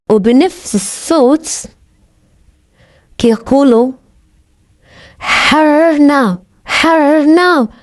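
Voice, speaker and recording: A woman's voice: sits high, mellow, dry recording, clean studio sound. A woman with a Moroccan accent narrating a story in a dramatic, suspenseful way. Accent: Moroccan Arabic.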